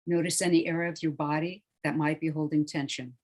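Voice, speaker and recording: A calm meditation guide talking listeners down into deep relaxation. The delivery is slow, hushed and soothing, with phrase endings that fade to near quiet. The voice sits at an ordinary middle pitch.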